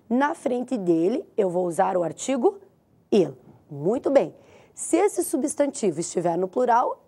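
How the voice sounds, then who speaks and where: Brazilian woman teacher, lively intonation, patient and direct with the viewer. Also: a little high. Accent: Brazilian Portuguese. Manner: patient, explanatory, addresses the viewer directly with rhetorical questions. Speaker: Spanish teacher. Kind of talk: recorded classroom lesson.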